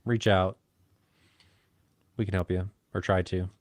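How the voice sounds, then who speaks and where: This podcast co-host has a low, level voice and an unhurried delivery, recorded with no room sound. He keeps the casual chat light, joking and making fun of himself.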